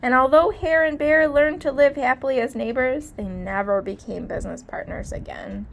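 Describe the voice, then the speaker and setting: A woman reading a storybook aloud as a teacher, expressive and stopping to put questions to children. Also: high voice, gravelly. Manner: expressive, drawn-out emphasis, prompting listeners with questions. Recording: light background noise.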